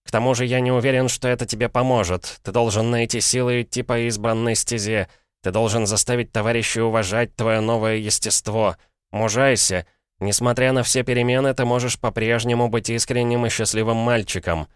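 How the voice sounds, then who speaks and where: A man's voice: medium pitch, steady tone, fairly quick, clear, resonant tone, dry recording, studio quality, voice pushed up, close to an everyday voice. A man voicing an earnest, mild-mannered schoolmaster lecturing a pupil in an audiobook.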